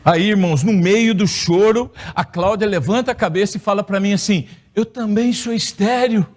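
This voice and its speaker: A man's voice: high-pitched, normal speed, darkish tone. A middle-aged Brazilian man preaching in a church, telling a personal story with playful humor. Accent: Brazilian Portuguese. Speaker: pastor. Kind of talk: sermon testimony. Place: church hall.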